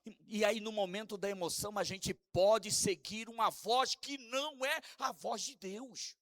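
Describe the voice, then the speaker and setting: A man preaching a sermon with a Brazilian Portuguese accent, moving between quiet asides and shouted, sing-song emphasis and calling out questions for the congregation to answer. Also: high-pitched, a little slow, no echo, studio quality. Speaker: apostle preaching.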